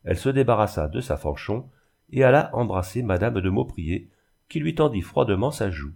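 A man reading a classic novel aloud in a measured, even storytelling manner. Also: on the low side, creaky. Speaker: reader. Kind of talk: scripted narration of a classic novel.

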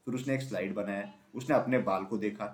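A man's voice: lowish voice, brisk. Man reading a children's story aloud. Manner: steady, drops voice on dialogue tags. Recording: roomy echo.

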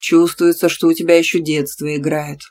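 A woman's voice: low voice, steady tone, normal speed, lightly acted. A woman voicing a brash, muscular young dragon-shifter man who talks bluntly and teases. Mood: teasing. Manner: blunt, teasing.

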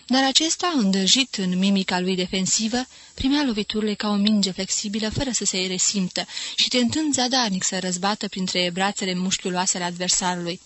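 A woman narrating a novel as an audiobook, reading in a clear, measured way. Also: medium pitch, a bit bright.

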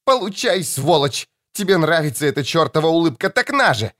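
A woman's voice: sits low, sing-song, a little fast, a bit bright, pitched above the performer's own voice. A man reading an audiobook voices a furious young woman who is crying and out of breath, hurling bitter accusations at her father. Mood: furious, sobbing. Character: furious tearful young woman, narrator's daughter.

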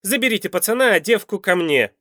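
A man voicing a cruel, lecherous crime-boss duke who talks in a loud, scornful sneer. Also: high-pitched, very animated, a little fast, no echo, clean studio sound, voice pushed up.

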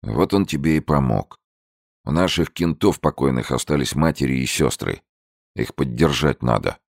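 A man's voice: very deep voice, expressive, normal speed, gravelly, no echo, exaggerated voice. Audiobook, man playing a cold gangster, curt slang, dry close sound. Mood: menacing. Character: menacing cold young male criminal enforcer.

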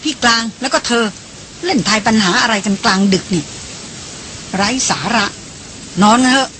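A woman's voice: on the high side, expressive, moderate pace, a bit bright, a little hiss or hum, poor audio. A woman reading the part of a cool, unflappable young woman who speaks in a curt, dismissive way.

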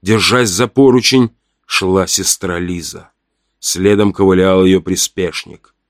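A man reading a horror audiobook in a measured, dramatic narration. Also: sits low, fairly even intonation, dry recording, studio quality.

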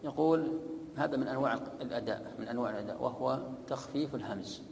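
A man teaching the rules of Quran recitation, reading lines from a text, then explaining them and repeating example words slowly. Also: mid-range voice, gravelly, darkish tone, in a large hall, slight background noise. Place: large mosque hall.

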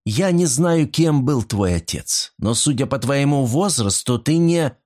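A man voicing a polite young woman who grows sharp and indignant, in a storybook reading. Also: medium pitch, expressive, a little slow, pitched above the performer's own voice. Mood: indignant, furious.

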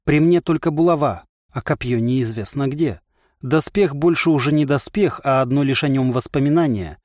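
A man's voice: medium pitch, moderate pace, darkish tone, dry recording, clean studio sound. A man narrating a first-person audiobook with a wry, sardonic delivery.

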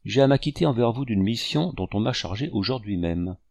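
Homme qui fait un vieux chasseur paternel. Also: male voice, on the low side, brisk, creaky, no echo. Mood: tender. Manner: tender, calm. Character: older man, gentle fatherly hunter.

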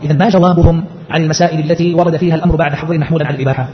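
A man's voice: fairly high pitch, steady tone, rapid-fire. A man teaching and explaining a scholarly text, posing rhetorical questions as he goes. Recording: muffled lo-fi lecture recording.

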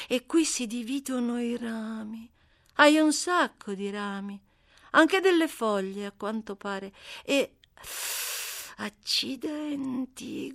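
A woman's voice: a little high, no room sound, studio quality, voice pushed up. A woman voicing a brash, talkative young runaway girl who scolds bluntly, in an audiobook reading.

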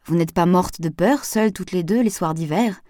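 A woman's voice: on the low side, moderate pace, mellow, no room sound, studio quality, lightly acted. A woman reading Marianne, a curious uncertain woman. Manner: curious, hesitant.

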